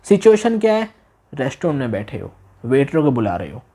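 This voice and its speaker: A male language teacher at mid pitch leads a beginners' demo class. He repeats each phrase slowly and keeps asking the listener questions. He stretches and exaggerates his tone to show how meaning changes. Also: sing-song, dark tone, husky. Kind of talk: demo class lesson taught in Hindi.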